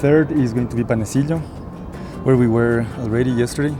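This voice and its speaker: A man from Ecuador, casually recommending places as a local guide outdoors in a city. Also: mid-range voice. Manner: relaxed, explaining with pauses and "uh". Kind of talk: casual conversation. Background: background music.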